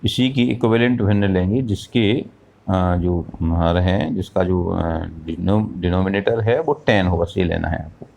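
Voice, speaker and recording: A man's voice: low voice, unhurried, vocal fry, darkish tone. A man teaching a math lesson, explaining step by step, asking questions and answering them himself, and counting out parts aloud.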